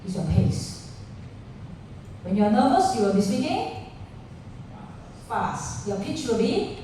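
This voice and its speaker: A woman running a pitching workshop, talking live to founders and asking the audience questions, dropping local particles like lah. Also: big pitch swings, measured pace, dark tone. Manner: interactive, asks the audience questions. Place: large indoor room with an audience. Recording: echoey room picked up from far off, faint noise.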